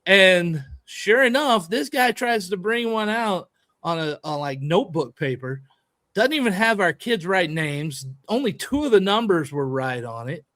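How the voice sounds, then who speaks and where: A man co-hosting a podcast, telling a story in a lively, emphatic way and acting out a heated argument. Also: high voice, a little slow, dry recording. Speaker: podcast co-host and youth baseball coach. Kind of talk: animated storytelling in casual chat.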